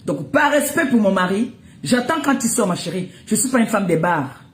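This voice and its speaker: A woman's voice: medium pitch, sing-song, brisk, reverberant. A woman, ranting and scolding someone on social media, mocking and breaking into laughter. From Cameroon. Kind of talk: heated live rant.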